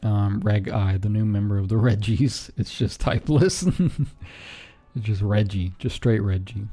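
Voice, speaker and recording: A man streaming a game, thinking aloud in a relaxed way with frequent ums and self-corrections as he builds a team. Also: on the low side, a little slow, soft background music. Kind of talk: casual stream commentary while building a team.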